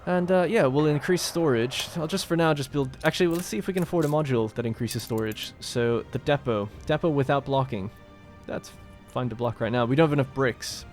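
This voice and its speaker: A man hosts a let's play, chatting loosely and thinking aloud as he works through a city-building game. His voice sits at an ordinary middle pitch, and faint game music plays underneath. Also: fairly quick, few pauses. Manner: casual, thinking aloud while playing. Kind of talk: gameplay commentary.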